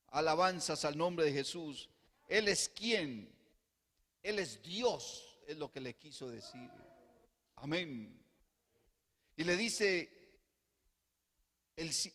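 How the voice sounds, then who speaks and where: A male pastor preaching a sermon, swinging between soft hushed passages and loud fervent bursts, with rhetorical repetition. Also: mid-range voice. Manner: rhetorical repetition and calls of "hermano". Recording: long hall reverb.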